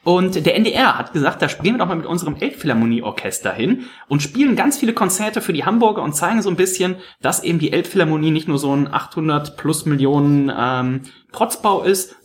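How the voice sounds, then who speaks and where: Chatty guy hosting a podcast, voice on the higher side, jumps all over in pitch, rambles through his stories. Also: a little hiss or hum. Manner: animated, rambling storyteller. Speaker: podcast host. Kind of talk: casual chat.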